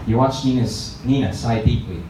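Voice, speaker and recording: At a live reading in an echoey room, a man of medium pitch narrates a book expressively at normal speed. The mic is distant and there's faint noise.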